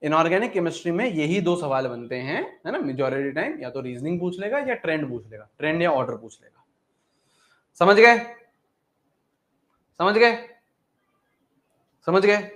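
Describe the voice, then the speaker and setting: A man's voice: fairly high pitch, very animated, moderate pace, a bit bright. A man teaching an exam-prep chemistry lesson, repeating questions to his students and calling them 'beta'.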